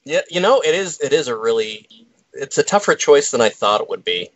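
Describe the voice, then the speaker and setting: A man's voice: medium pitch, big pitch swings, fairly quick, dry recording, low-quality recording. A man giving his opinion as a guest on a casual panel, hesitating and restarting as he thinks aloud. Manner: hesitant, many fillers and restarts.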